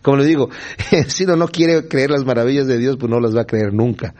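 A man's voice: mid-range voice, steady tone, brisk, darkish tone. A man preaching a sermon, reading Bible verses and explaining them in a conversational way, often checking in with his listeners. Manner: conversational, often asks the listeners "¿verdad?", chuckles while explaining.

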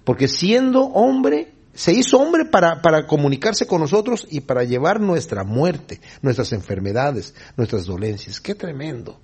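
A man delivers a Bible study sermon in a somewhat high, husky voice. His pitch swings widely as he acts out the voices of the people in the story. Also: very animated, moderate pace, few pauses, a little mellow. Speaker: preacher.

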